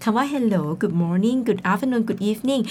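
A woman co-hosting a language lesson, translating each phrase with lively exclamations. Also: medium pitch, extremely slow, slight background noise. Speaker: Thai co-host explaining in Thai. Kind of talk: bilingual radio lesson chat.

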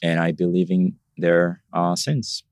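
A man's voice: sits low, fairly even intonation, unhurried, darkish tone, no room sound, clean studio sound. A man from Brazil, a guest on a podcast, talking casually and thoughtfully, with lots of "you know" and "like" in his answers. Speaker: podcast guest, marketing lead.

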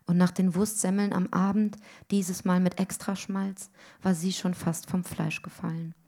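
A woman reading a literary story aloud in a rhythmic way, often dropping to hushed tones. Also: fairly low pitch, flat delivery, normal speed. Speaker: reader.

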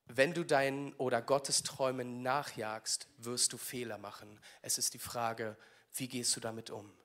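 A man's voice: medium pitch, fairly bright tone. Earnest man preaching a sermon. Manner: earnest and encouraging, speaks directly to listeners. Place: church livestream.

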